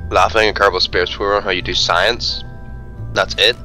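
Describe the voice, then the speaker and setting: A man's voice: lowish voice, steady tone, normal speed, pushed and bright, soft background music. A man chatting casually while playing a game, joking and swearing a lot. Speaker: gaming channel co-host. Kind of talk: casual gaming chat.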